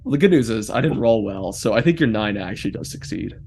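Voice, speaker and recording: A man improvising tabletop game narration as game master, stammering and halting as he goes. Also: lowish voice, expressive, a little mellow. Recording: clear background room noise.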